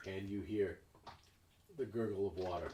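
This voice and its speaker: Man, dungeon master, halting narration, echoey room, distant mic, faint noise. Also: low-pitched, dark tone. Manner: halting, many restarts and fillers. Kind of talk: narrating a tabletop game.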